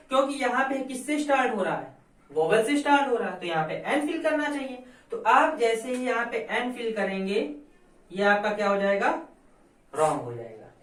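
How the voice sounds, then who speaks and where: A woman teaching a grammar lesson, asking questions and answering them herself and repeating the key points. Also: fairly high pitch. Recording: echoey room, voice from far off.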